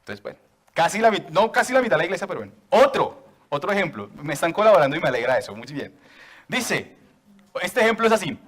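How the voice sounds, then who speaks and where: Playful higher-voiced preacher in church. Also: male voice, very animated, quick pace, a bit bright, slightly rough. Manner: playful, joking with the congregation; asks the church for raised hands. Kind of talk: sermon to a congregation.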